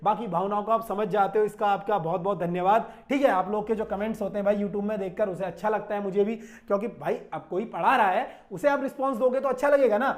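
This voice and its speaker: A man teaching an online exam-prep class, explaining step by step and answering his own questions, with constant "okay" and "brother" check-ins. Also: high-pitched. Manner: repetitive, checks in with "ठीक है" and "भाई".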